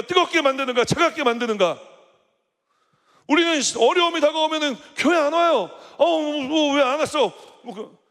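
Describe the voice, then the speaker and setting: A man's voice: very high voice, fairly bright tone. A middle-aged male pastor preaching a sermon to young adults, in a conversational way with rhetorical questions and casual asides. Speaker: senior pastor. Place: church hall. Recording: reverberant church hall.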